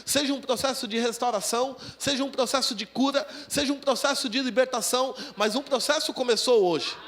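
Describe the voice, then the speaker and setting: A man's voice: very high-pitched, fairly quick, slight background noise. A man with a Brazilian Portuguese accent, a pastor preaching a sermon in a church service and telling a testimony, acting out laughter and the voices of people in his story. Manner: animated storytelling, acts out laughing and dialogue.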